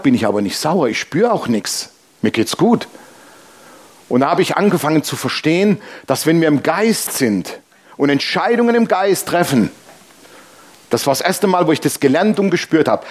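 Male preacher, a touch high-pitched, anecdotal and animated. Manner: lively storytelling, acts out dialogue. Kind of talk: sermon with anecdote.

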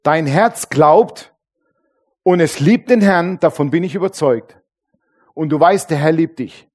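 Animated pastor preaching. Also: male voice, on the high side, measured pace. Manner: animated, acts out voices of churchgoers; calls on the congregation with tag questions. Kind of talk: sermon.

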